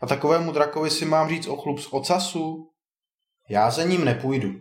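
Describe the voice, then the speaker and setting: A man voicing a kindly, teasing old male wizard in a storybook tale, a bit higher than his narration. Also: natural voice. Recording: roomy echo.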